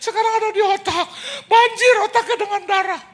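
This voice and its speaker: Man doing a frantic, very high-pitched wife, shrill and breathless. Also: a little fast, fairly bright tone. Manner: frantic, shrill repeated calling. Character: panicked woman, restaurant owner's wife.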